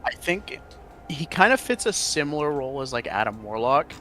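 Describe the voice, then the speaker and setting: A man's voice: fairly high pitch, moderate pace, slight background noise. A young man talking casually with a teammate during a game, loose and full of filler words. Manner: relaxed, many filler words. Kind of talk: casual gaming chat. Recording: game music under voice.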